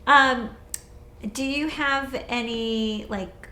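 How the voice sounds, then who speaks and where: Slow-spoken female interviewer, echoey room. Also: a little high, bright, forceful tone, slight background noise. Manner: supportive listener, short affirmations. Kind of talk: casual interview. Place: artist's studio.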